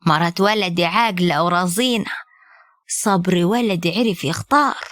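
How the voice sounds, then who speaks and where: A woman playing a sharp-tongued Upper Egyptian mother-in-law. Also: fairly low pitch, moderate pace, no echo, voice pushed down, natural voice. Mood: bossy. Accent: Upper Egyptian Arabic. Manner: scolding, sweet-talking then sharp.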